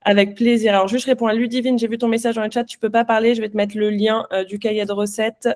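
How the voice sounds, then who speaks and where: A woman's voice: on the high side, level tone, fast, a little mellow. A woman coaching pastry exam students in a live online Q&A, chatty and reassuring.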